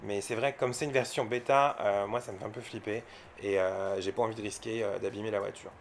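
Fairly quick and fairly even in intonation, this lowish male voice belongs to a French electric car vlogger. He explains things informally and unscripted, hesitating now and then, with a little hiss or hum audible.

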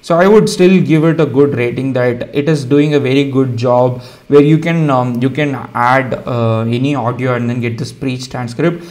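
A man with an Indian accent hosting a casual coding tutorial, explaining each step in a relaxed way with frequent ums and uhs. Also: medium pitch, moderate pace, hardly any pauses. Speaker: tutorial host.

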